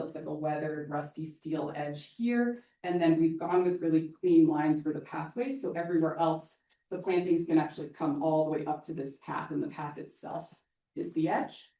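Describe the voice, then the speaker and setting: Lively woman landscape designer in echoey hall. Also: sits low, moderate pace. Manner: energetic, chatty, joking. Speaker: landscape designer giving a talk. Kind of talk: public presentation with audience Q&A. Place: meeting hall.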